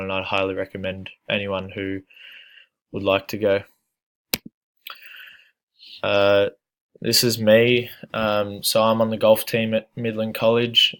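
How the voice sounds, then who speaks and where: A young Australian man introduces himself in a relaxed, casual way, pausing often on fillers. His voice sits low and stays fairly flat in tone. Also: smooth. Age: young adult. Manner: relaxed, hesitant with many fillers. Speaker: student.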